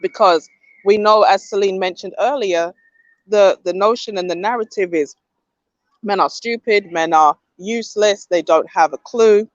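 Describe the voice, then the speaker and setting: A woman's voice: medium pitch, moderate pace, dry recording. Woman podcaster ranting on a livestream, pushy "okay?" after points, muffled dry mic. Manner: opinionated, emphatic, often adds "okay?". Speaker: podcast host. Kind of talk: livestream commentary, reading chat comments.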